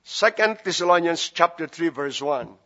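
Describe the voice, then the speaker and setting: A guest pastor from the Philippines, whose first language is Filipino, preaches a sermon and prays with a Filipino accent, chatty and full of fillers and joking asides. His voice is on the high side with lively intonation, a moderate pace, and a bit of brightness, though the audio sounds dull.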